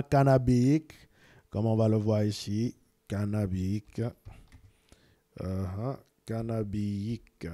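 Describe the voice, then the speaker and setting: A man's voice: medium pitch, mellow, dry recording, clean studio sound. A man from Cameroon talks casually to viewers, repeating words and sending greetings as he explains. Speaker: video presenter.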